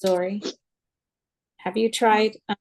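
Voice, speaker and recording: A woman's voice: mid-range voice, flat delivery, slow, darkish tone. A woman giving helpful, matter-of-fact advice in an online group. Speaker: group member.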